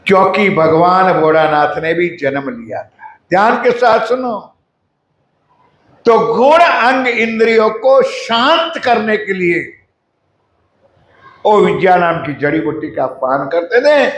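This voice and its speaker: A man giving a devotional sermon, putting questions to his listeners and chanting mantras slowly. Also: sits high, animated, a bit bright. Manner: addresses the audience directly with questions. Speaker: preacher. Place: ashram hall. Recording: echoey hall.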